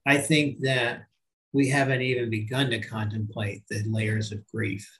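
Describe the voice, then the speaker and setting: A man's voice: medium pitch, steady tone, a little slow, fairly bright tone, rough recording. Reflective middle-aged male podcast host. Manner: reflective, anecdotal. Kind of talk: casual interview conversation.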